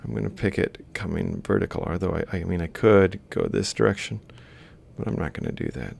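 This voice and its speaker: Quick-paced and lively in intonation, his voice is creaky, darkish and a bit rough. The man, a robotics lecturer, explains a worked example informally while drawing, reasoning step by step aloud and catching his own mistakes, over faint background noise with a low rumble.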